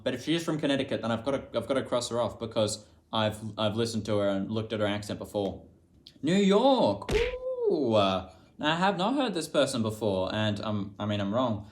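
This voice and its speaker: A young man just out of high school, chatting casually to the camera as a vlogger. He mocks himself and swears offhandedly. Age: young adult, just out of high school.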